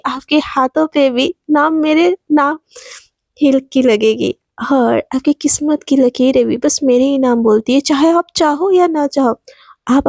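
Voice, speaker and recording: A woman's voice: sits high, a little mellow, no echo. A woman voicing a teasing, possessive young woman who coaxes and bosses her crying lover, in a storytelling romance. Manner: playful, coaxing, bossy.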